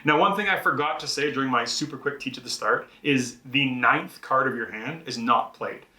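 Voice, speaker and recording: A man with a bright, cutting voice talks a card game through while he plays, explaining each move aloud. He is chatty and jokes at his own expense. The sound bounces around an echoey room. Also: medium pitch, normal speed. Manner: chatty, self-deprecating, explains moves aloud. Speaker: board game publisher host teaching rules. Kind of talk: rules teach during live play. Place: indoors at a game table.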